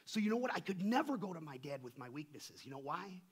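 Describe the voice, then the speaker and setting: A man preaching a sermon as pastor, swinging from loud emphatic peaks to soft low asides and asking the congregation rhetorical questions. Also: big pitch swings, quick pace, slightly rough.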